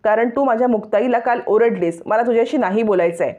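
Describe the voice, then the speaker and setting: A woman's voice: a little high, fast, darkish tone, natural voice. A woman voicing a stubborn little girl who refuses food and talks back, reading her lines in a recap. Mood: defiant. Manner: defiant, sulky.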